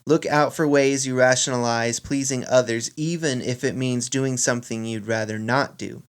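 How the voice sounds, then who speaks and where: A man hosting a podcast solo, explaining things informally in measured phrases and addressing listeners directly as friends. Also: mid-range voice, steady tone, smooth. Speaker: podcast host.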